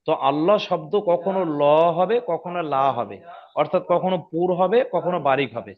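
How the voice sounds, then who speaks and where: A man's voice: on the high side, lively intonation. A man teaching Quran reading rules in an online lesson, patiently repeating each rule and checking if his students follow. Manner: slows down and drawls when demonstrating recitation. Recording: dull lo-fi audio.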